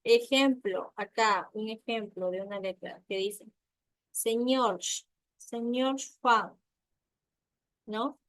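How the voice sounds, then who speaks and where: A woman from Peru with a Peruvian accent teaching an online class, explaining step by step and often checking with quick tag questions. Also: fairly high pitch, no room sound. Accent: Peruvian Spanish.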